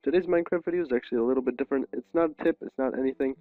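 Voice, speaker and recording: A man's voice: medium pitch, very fast, dry recording. A man giving a casual, informal voice-over tutorial as host of a gaming video. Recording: slightly dull, dry, music underneath.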